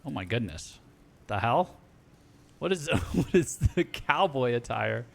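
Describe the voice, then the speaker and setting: A man's voice: medium pitch, sing-song, slow pace, creaky. A man streaming a game, chatting casually, reacting and reading chat aloud.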